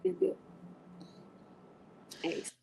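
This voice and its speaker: A woman from Recife with a Recife accent, a grieving mother talking quietly and with heartfelt faith as an interview guest. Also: slow, a crowd in the background. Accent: Brazilian Portuguese, Recife. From Recife, Brazil. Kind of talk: emotional interview.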